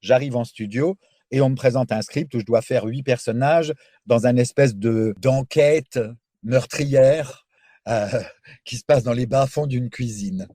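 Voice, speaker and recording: Male voice actor from France, mellow tone, chatty and animated, dry studio sound. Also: medium pitch, measured pace, no echo. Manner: animated, talkative, explains with examples. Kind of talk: radio interview. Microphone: studio microphone.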